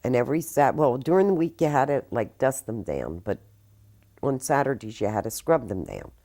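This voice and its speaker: An older woman from Philadelphia explains her childhood chores in an interview. Her voice is very deep and dark, with lively rises and falls, and she speaks plainly. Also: normal speed. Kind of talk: reminiscing interview.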